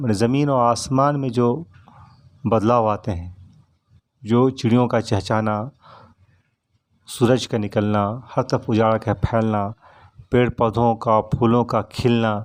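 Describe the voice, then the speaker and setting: A man's voice: medium pitch, a little mellow. Man explaining a children's poem. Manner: recites verse lines, then paraphrases them slowly. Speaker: teacher.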